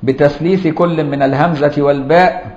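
A man's voice: on the high side, steady tone, a little mellow. Egyptian man teaching in a roomy hall. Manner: explains patiently, checks understanding with rhetorical questions; chants verses slowly. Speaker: Islamic jurisprudence teacher. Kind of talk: classroom lecture. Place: lecture hall or mosque. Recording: roomy, dull lo-fi lecture recording.

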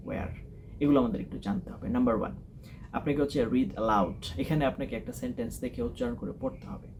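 A man hosts a test-prep lesson with a mellow, warm voice, slipping English phrases into his explanations and repeating key points. Faint noise hums under the recording. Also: medium pitch. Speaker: test-prep channel host. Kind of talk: instructional talk.

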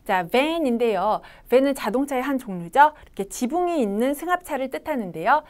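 A woman with a Korean accent teaching children English pronunciation, slowly coaching them to repeat each sound. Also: high-pitched. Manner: slow, lively, coaching kids to repeat sounds.

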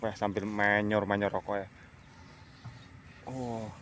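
A man's voice: lowish voice, little pitch movement, takes it slowly, noisy background. A man, chatting casually as he fishes for eels outdoors and talks to his viewers. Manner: chatty, exclaiming often, addresses viewers as friends. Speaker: eel-fishing vlogger. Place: outdoors by a rural stream.

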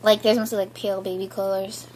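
This home haul vlog shows a woman on her living room floor, filmed from above on a handheld camera as she talks in a casual, cheerful way and giggles a lot. She speaks fast in a medium pitch that barely moves. Crowd noise runs through the rough recording.

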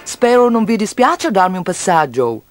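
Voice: medium pitch, big pitch swings, moderate pace, no echo, close to an everyday voice. Breezy, friendly storybook aviator, read by one storyteller. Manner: breezy, chummy. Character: cheerful stranded male aviator.

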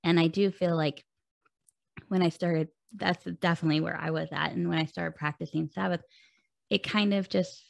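Woman podcast host, deep gravelly voice, conversational and affirming. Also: fairly even intonation, moderate pace, no echo. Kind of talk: interview conversation.

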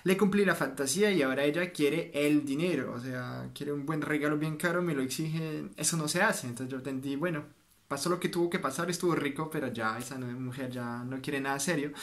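A French man whose first language is French, telling an animated, self-mocking story to camera in a casual vlog. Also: a little high, a little fast. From France. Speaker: vlogger.

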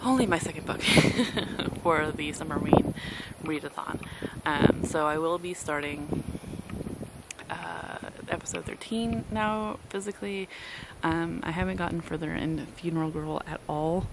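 A woman's voice: low-pitched, measured pace, gravelly. A woman in her thirties, a book vlogger chatting casually and rambling with frequent ums, filmed outdoors at a lakeside campsite on a phone held at arm's length. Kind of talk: casual chat. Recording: outdoor phone audio with background noise.

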